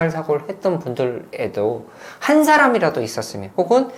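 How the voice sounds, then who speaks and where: A man, a psychiatrist, giving measured explanatory answers in an interview. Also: fairly high pitch, huge pitch swings. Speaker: psychiatrist guest. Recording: roomy room with faint noise.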